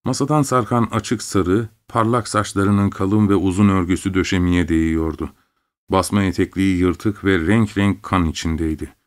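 A man narrating a story in the first person with a measured, dramatic reading. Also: sits low, fairly even intonation. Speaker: audiobook reader.

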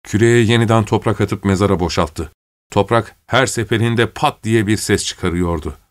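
A man reading a war story aloud as narrator, steady and measured. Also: fairly low pitch, no echo, clean studio sound.

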